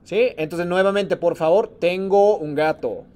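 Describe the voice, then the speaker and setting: A Japanese teacher with a slightly high, darkish voice leads an online class lesson at an unhurried pace. Patient and encouraging, he calls on students one at a time and mixes Japanese phrases into his explanations.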